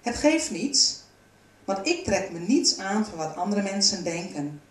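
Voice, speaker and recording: A woman's voice: medium pitch, sing-song, unhurried. A fatherly old woodcarver speaks strongly and with emphasis, kind and reassuring, as a woman reading a storybook puts him on. It sounds roomy and set back from the mic. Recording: roomy, from a distance.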